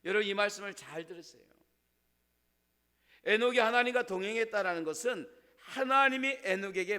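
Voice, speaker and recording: A man preaching a sermon as pastor, telling stories and dropping to a hush for the words of God. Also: high voice. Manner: storytelling with a quiet, hushed delivery for God's words. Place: church sanctuary. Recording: long church-hall reverb.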